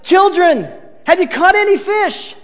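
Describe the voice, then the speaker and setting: A man's voice: very high-pitched, animated, a little slow, voice pushed up. A man voicing a friendly man who calls out cheerily from a shore, in a reverberant hall. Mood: cheery. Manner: cheery, calling out loud.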